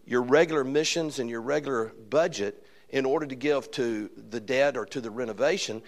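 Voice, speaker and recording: A man with an Alabama accent addressing a church congregation as a guest speaker, folksy, often repeating and restarting his words. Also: mid-range voice. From Alabama, United States. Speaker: guest pastor and church fundraising consultant.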